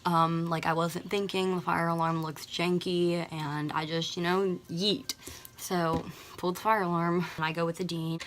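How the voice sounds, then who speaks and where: Speaking at a moderate pace with a level tone, a teen girl shares a laid-back storytime on her vlog, wandering off track and filling it with slang and "like." Her voice is somewhat low and a bit bright, with slight background noise.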